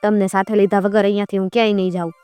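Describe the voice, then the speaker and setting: A woman's voice: medium pitch, level tone, racing, a little mellow, clear, resonant tone, no room sound, faint music behind, lightly acted. A woman voicing a devoted young queen who speaks earnestly and resolutely.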